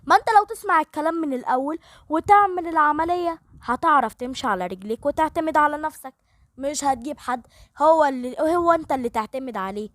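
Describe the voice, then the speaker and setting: A woman voicing a feisty, sharp-tongued young woman who talks boldly and teasingly, with an Egyptian Arabic accent. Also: sits high, lively intonation, quick pace, no echo, clean studio sound, pitched above the performer's own voice. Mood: defiant. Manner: bold and teasing.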